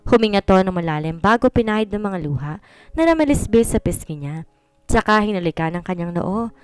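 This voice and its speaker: A woman narrating a romance story in an even storytelling manner. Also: medium pitch, smooth, no echo. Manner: even storytelling, mixing two languages.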